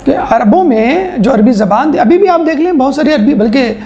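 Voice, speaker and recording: A woman's voice: sits high, lively intonation, mellow, reverberant, dull audio. A woman lecturing as a teacher, explaining step by step with rhetorical questions and mimicking how people talk. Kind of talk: classroom lecture.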